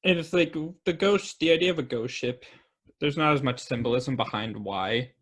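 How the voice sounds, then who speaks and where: A man's voice: mid-range voice, moderate pace, fairly bright tone. Canadian man making dry jokes on a podcast. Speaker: podcast co-host. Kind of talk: casual podcast chat.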